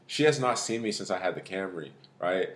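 Man, podcast co-host, frat-bro slang, animated storytelling, casual banter, lots of swearing. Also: low voice, a little fast.

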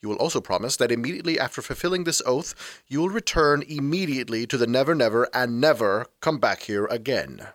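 A man's voice: medium pitch, a little fast, hardly any pauses, no room sound, close to an everyday voice. A man voicing a sarcastic, unflappable male vampire in an audio drama. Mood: smug. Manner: dry, sardonic deadpan.

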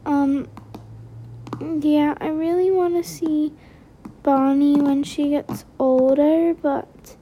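Her voice sits high, with a steady, warm tone, and she takes it slowly. Late at night in her bedroom, this young woman runs a casual solo podcast, sounding tired as she rambles chattily with plenty of fillers.

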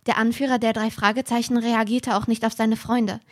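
A woman podcast host reads a detective story aloud during a livestream. Her voice sits a little high. She narrates briskly, with animated storytelling.

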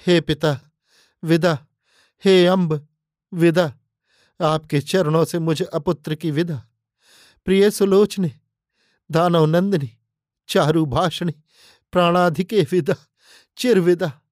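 A man's voice: on the high side, fairly even intonation, takes it slowly, pauses often, a little mellow, no room sound, clean studio sound. A man voicing a proud dying demon prince in a dramatic audiobook reading, roaring at first, then speaking in broken, gasping words. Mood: farewell.

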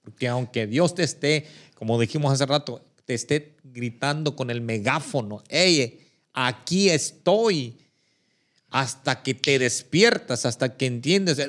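A man, a guest in a casual faith conversation, who agrees readily and adds quick affirmations. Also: medium pitch.

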